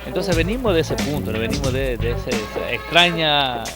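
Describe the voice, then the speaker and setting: A man's voice: medium pitch, lively intonation, moderate pace. Ecuadorian man recalling with music. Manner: reflective with hesitant restarts. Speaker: entrepreneur. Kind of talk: personal testimony. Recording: loud music under interview.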